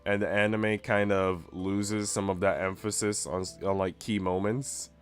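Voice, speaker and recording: Faint music plays as a man with a fairly low, unhurried voice and little pitch movement streams a game. His casual chat is full of slang and swearing, interspersed with reading visual novel narration aloud.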